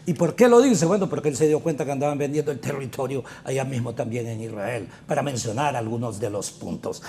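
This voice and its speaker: A man's voice: mid-range voice, animated, fairly quick, warm tone, slight background noise. A man, a politician arguing his points in an interview with rhetorical questions. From Honduras. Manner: argumentative, emphatic with rhetorical questions. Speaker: politician guest.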